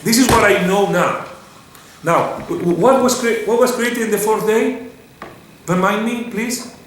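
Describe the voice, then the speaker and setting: A man's voice: sits high, measured pace, a bit bright. A man teaching a Torah class, putting questions to his students and often restarting his sentences. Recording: very echoey room with faint background noise.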